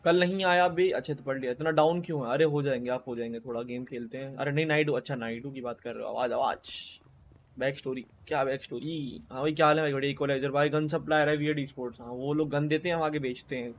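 Subdued Hindi-accented streamer chatting. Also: male voice, fairly even intonation, quick pace, slight background noise. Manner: greets chat viewers by name, chatty; speaking low and subdued. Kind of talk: casual stream chat.

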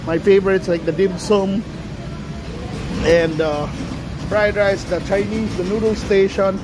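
A man from the Philippines with a Filipino accent, chatting excitedly as a food vlogger while filming on a phone in a hotel buffet. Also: high-pitched, a little slow. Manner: chatty, excited exclamations, mixes English and Filipino. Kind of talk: casual buffet walkthrough. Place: busy hotel buffet restaurant, indoors. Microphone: handheld phone camera. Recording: loud restaurant background noise.

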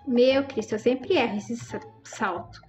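A woman's voice: fairly high pitch, unhurried, darkish tone, faint music behind. A woman giving chatty, exclaiming commentary over her Roblox gameplay and talking straight to her viewers. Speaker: gaming YouTuber.

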